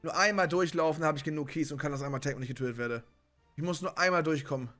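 A young man streaming a party game with friends, excitably exclaiming and cursing at every turn. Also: a little high, racing, soft background music. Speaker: gaming streamer playing with friends. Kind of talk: excited multiplayer gaming chat.

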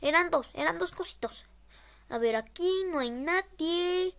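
A scared woman streamer commentating casually on a horror game. Her voice is high and bright, and she takes her time. She nervously repeats short phrases as she plays. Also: lively intonation, unhurried, creaky.

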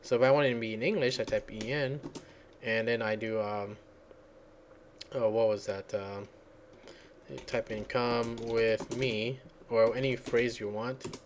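Rambling man demoing software at his keyboard. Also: on the low side, fairly even intonation, moderate pace, pauses often, slight background noise. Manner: rambling, thinks aloud and searches for words. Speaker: software tutorial host. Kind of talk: casual screencast tutorial. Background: computer keyboard typing.

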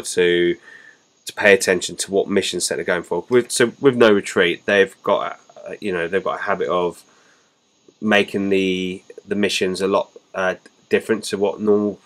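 Relaxed man, lowish voice. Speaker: regular co-host, tabletop wargamer. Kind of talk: casual chat.

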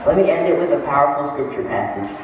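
A man's voice: on the high side, lively intonation, quick pace, highs cut off, close to an everyday voice. A young man playing an earnest, preachy support-group leader in an amateur stage skit. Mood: calming, preachy. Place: large event tent stage, distant camera. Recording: echoey tent stage from far off, faint noise.

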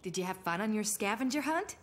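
A woman's voice: medium pitch, animated, brisk, lightly acted. An actress playing a kindly, polite mother of small children in a children's cartoon. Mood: friendly.

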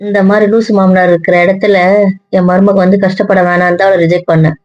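A woman teasing her family in casual banter, sharp-tongued and mocking. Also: mid-range voice, little pitch movement, quick pace, no echo, highs cut off. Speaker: wife in a family skit.

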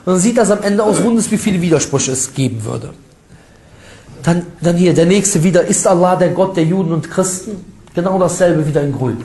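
A man giving an informal religious lecture that rebuts critics, lively and mocking, with ironic asides and quick laughs. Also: high voice. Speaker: Islamic preacher. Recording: echoey room sound.

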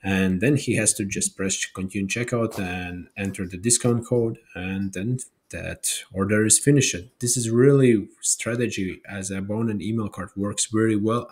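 A man in his thirties talks through a software tutorial at his desk in a practical, matter-of-fact way. His voice sits a little low and has a husky edge. His phrasing carries small grammar slips, and the sound is a close webcam-style recording. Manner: plain, practical explaining with non-native grammar slips. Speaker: tutorial host. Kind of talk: screen-share software tutorial. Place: indoor room, webcam overlay.

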